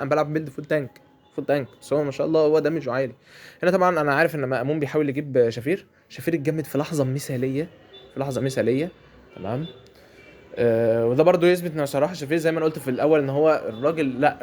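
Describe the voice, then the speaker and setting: A man with an Egyptian Arabic accent gives chatty commentary over a mobile game match, often repeating his phrases. His voice is medium-pitched with a darkish tone.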